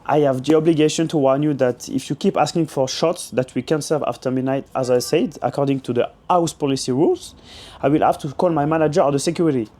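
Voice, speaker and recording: A hoarse young man role-playing a polite male bartender in English. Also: a little high, fairly quick, warm tone, close to an everyday voice. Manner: formal, apologetic.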